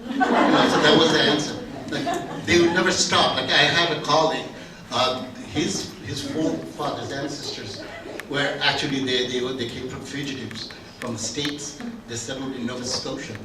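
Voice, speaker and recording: Older male conference speaker, anecdotal and halting, in an echoey room with faint background hum. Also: mid-range voice. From Bangladesh. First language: Bengali. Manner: conversational, anecdotal, with many restarts. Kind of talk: academic conference talk. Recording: roomy room, distant mic, faint ambience.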